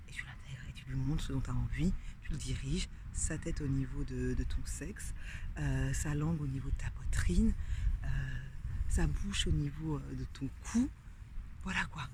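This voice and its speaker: Chatty coach lady talking straight to you, lots of euhs, bits whispered, noisy spot. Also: sits low. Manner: chatty, addresses viewer directly, many fillers, drops to a whisper at times. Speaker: sex and couples coach. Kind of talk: casual advice vlog to camera.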